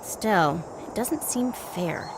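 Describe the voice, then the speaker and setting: A woman's voice: mid-range voice, animated, slow, background noise. An actress playing a timid, sweet young woman in a mystery game. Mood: concerned. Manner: timid, apologetic.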